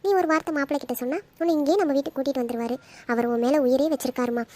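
A loving, reassuring middle-aged mother from a cartoon, voiced by a woman. She speaks high and fast, coaxing her daughter gently. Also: lightly acted. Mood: soothing. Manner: soothing, motherly.

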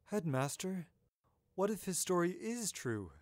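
A man voicing a stern, brisk, practical middle-aged female deputy headmistress. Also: high voice, sing-song, no room sound, studio quality, voice pushed up.

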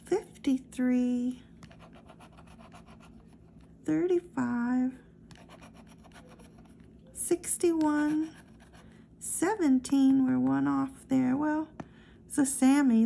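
Slow, gravelly woman reading numbers. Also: sits high, slight background noise. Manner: slow, steady number-by-number commentary. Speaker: lottery scratch-off channel host. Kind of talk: casual narration reading numbers.

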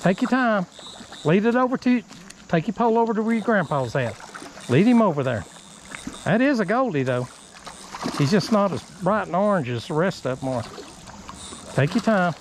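A man's voice: high-pitched, lively intonation, normal speed, pauses often, a little hiss or hum, poor audio. A middle-aged man hosting a fishing vlog outdoors by a creek, coaching a child with short, repeated instructions. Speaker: fishing bait company host. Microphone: body-worn action camera. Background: running stream water.

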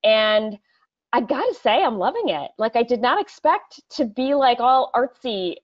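A woman's voice: a little high, sing-song. Upbeat lady cohost chatting on earbuds, lo-fi call sound. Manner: upbeat, quick asides, laughs easily. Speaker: podcast co-host. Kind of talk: casual chat. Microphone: earbuds on video call. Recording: dull lo-fi video call audio.

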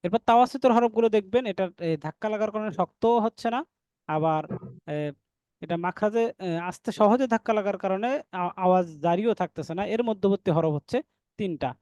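A man teaching a Quran recitation class, explaining step by step and slowly sounding out letters, and addressing listeners as dear brothers. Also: sits high, a little mellow, clear, resonant tone, dry recording, highs cut off. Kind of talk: online class lesson.

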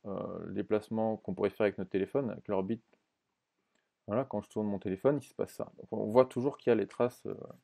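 A man presenting a screen-recorded software tutorial in a casual way, thinking aloud with many fillers and restarts and often checking in with the viewer. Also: medium pitch.

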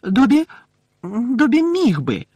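Squeaky timid male house-elf, servile and jumpy, raspy high voice, dry close sound, audiobook. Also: wildly swooping pitch, slow pace, darkish tone, no echo, exaggerated voice. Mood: nervous proud. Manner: squeaky, servile, calls everyone young master.

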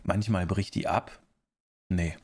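A man's voice: low-pitched, fairly even intonation, slow, over music. A man streaming live, chatting casually while reacting to a video and answering viewer chat in rambling asides.

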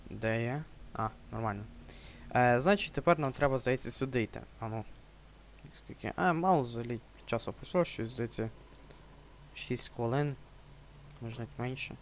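A man's voice: mid-range voice, fairly bright tone, a little hiss or hum. A young man with a Ukrainian accent giving joking commentary while playing a horror game, yelping when startled. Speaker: let's play gamer.

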